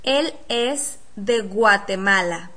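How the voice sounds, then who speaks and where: A woman teaching a pronunciation lesson, saying model sentences slowly and carefully so they can be repeated. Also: mid-range voice, expressive, sharp tone. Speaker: language teacher. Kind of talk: slow, clearly articulated pronunciation drill.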